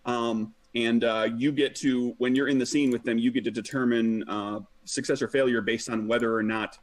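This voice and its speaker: A man as game master, explaining rules in a relaxed way with many ums and uhs. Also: medium pitch, moderate pace.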